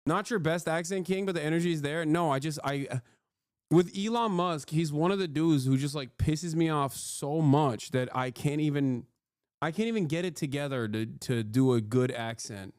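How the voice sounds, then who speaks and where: Male streamer, mocking and profane, smooth tone, close dry mic. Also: fairly high pitch, normal speed, darkish tone, dry recording. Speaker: streamer reacting to clips. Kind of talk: casual live-stream commentary.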